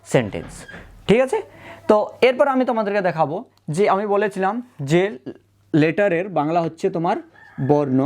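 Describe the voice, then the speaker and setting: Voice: mid-range voice, a little mellow. A teacher giving an online grammar lesson, asking questions and answering them, and often checking that the class follows. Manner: spells words out letter by letter, slowly.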